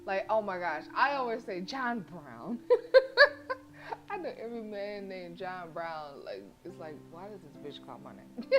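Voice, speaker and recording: Reading a visual novel aloud on a livestream, this outspoken, sassy woman reacts in a casual, slangy way. She speaks slowly in a very animated, mid-range voice over plucked guitar game music.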